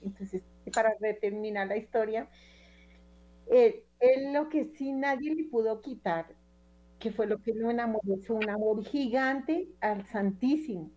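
A woman's voice: fairly high pitch, measured pace, warm tone. A woman preaching and telling a testimony in an earnest storytelling manner, acting out the people she quotes. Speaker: lay preacher.

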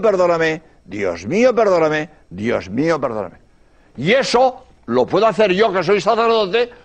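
Older male priest; high, animated delivery in a sermon talk. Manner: lively storytelling, repeats prayers softly. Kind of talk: radio-style sermon talk.

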